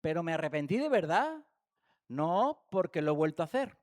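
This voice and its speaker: A man with an accent from Spain leads a church Bible study in a fairly high voice. He talks animatedly, firing rhetorical questions and acting out small everyday scenes to make his point. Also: sing-song, moderate pace. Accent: Spain Spanish. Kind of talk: church teaching talk. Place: church hall.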